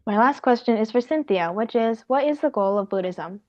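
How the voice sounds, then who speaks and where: A woman's voice: on the high side, animated, a little fast. A young woman reading out a prepared talk as a student presenter in a class. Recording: dull lo-fi sound.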